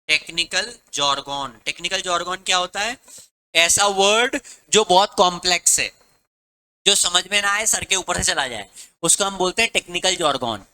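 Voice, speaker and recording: A male commerce teacher from Rajasthan lectures a classroom of students. His voice is very bright and sharp, and he switches between Hindi and English. He keeps quizzing the class with the same question again and again. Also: high voice, a little slow, clean tone, poor audio. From Rajasthan, India.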